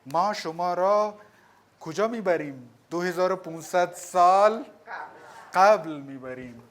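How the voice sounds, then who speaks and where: High-voiced man teaching a class. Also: a little hiss or hum. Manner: explains slowly, repeats and stretches key words, asks the class questions. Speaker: Sanskrit teacher. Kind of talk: classroom lesson explaining words.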